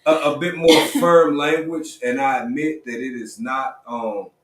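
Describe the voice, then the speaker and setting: A man's voice: medium pitch, a little slow, distant mic, very noisy. Man chatting loosely, roomy and off-mic. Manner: relaxed, conversational, frequent affirmations. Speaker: livestream host. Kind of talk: casual livestream chat. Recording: roomy sound, a bit off-mic.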